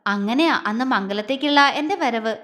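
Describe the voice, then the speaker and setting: A woman voicing a tender young man who speaks softly and affectionately while confessing his love in an audio story. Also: on the high side, brisk, close to an everyday voice. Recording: long reverb.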